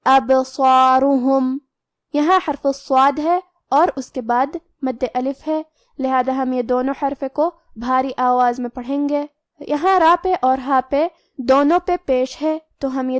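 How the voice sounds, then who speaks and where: A woman with a high, clear voice leads a Quran recitation lesson, naming each letter rule in order before sounding the word out slowly. The recording is close and dry, with no room sound. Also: fairly even intonation, dry recording. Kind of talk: tajweed lesson, explaining letter rules.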